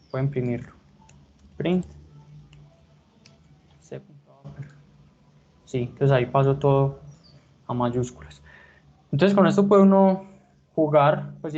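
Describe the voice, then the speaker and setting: A man's voice: a little high, a little mellow. Hesitant man teaching coding, dull recording. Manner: hesitant, many restarts and fillers like "pues" and "entonces"; thinks aloud while typing code. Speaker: programming teacher. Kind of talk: live coding lesson.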